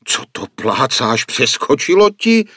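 A man voicing a sharp-tongued, scolding aunt with a snapping, scornful way of talking. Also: medium pitch, big pitch swings, creaky, no echo, clean studio sound, voice pushed up.

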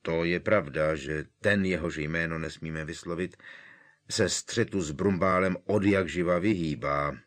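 Guy doing a flustered old wizard prof, grumbly and reluctant, deep voice pushed a bit higher. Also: fairly bright tone. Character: fussy, nervous, vain old male wizard professor.

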